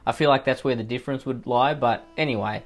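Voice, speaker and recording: A fast-talking man with a mid-range voice and an Australian accent reads out online posts, with faint music behind him. He riffs on them with profane, sarcastic, rambling comedic asides.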